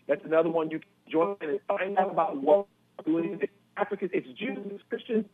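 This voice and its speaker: A man's voice: fairly high pitch, fairly quick. A man on a glitchy, breaking-up phone line. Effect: glitchy phone line breaking up, dropping words. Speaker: pastor, guest. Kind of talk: radio interview by phone.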